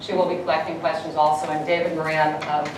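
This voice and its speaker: Heard from afar in a noisy, echoey hall, this host talks fast in a low-pitched, flat voice. Her first language is Dutch, and at a university event she introduces a guest before an audience, then interviews them, stumbling over her read introduction and laughing it off.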